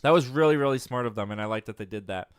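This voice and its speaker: A man's voice: medium pitch, racing, clear, resonant tone, no echo, clean studio sound. A man in his twenties hosting a live movie show, chatting casually as he reads viewer comments and often laughing at his own jokes. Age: 20s.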